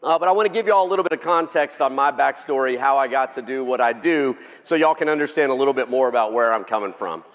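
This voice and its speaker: A keynote speaker from Texas, with a Texan accent, gives a joking, folksy speech to a luncheon crowd and asks the audience to vote along. His medium-pitched voice is a bit bright and fast with few pauses, echoing through a large, reverberant banquet hall.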